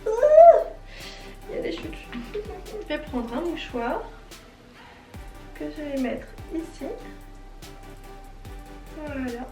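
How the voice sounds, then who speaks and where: A woman's voice: sits high, slow pace, long pauses, roomy sound, distant mic, over music. A chatty French woman with a French accent, talking through a makeup tutorial and explaining each step with self-deprecating asides. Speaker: beauty vlogger.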